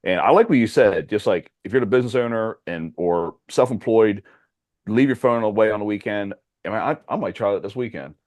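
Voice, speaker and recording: A man's voice: lowish voice, brisk, darkish tone, dry recording. A man in his forties in a casual podcast chat, talking in an earnest, reassuring way and stretching out key words. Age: 40s.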